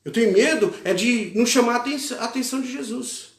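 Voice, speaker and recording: A male pastor with a Brazilian Portuguese accent delivers a fervent sermon and drives his points home through repetition. His voice sits unusually high. The recording carries the echo of a church hall. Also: fast. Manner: fervent, emphatic preaching with repeated phrases.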